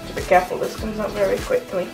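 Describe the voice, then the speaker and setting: Young woman, home cook vlogger, casual and hesitant, kitchen camera mic, clear background music. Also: medium pitch, little pitch movement, fast talker. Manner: chatty, hesitant with many ums, talks while cooking. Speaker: cooking vlogger. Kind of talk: casual cooking walkthrough.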